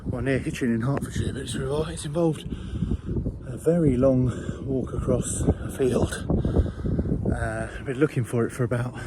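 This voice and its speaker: A man, out of breath and halting, talking to camera on location in an open field as a history channel host. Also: medium pitch, fairly even intonation. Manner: halting and hesitant. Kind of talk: on-location vlog commentary. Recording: outdoor noise with passing traffic.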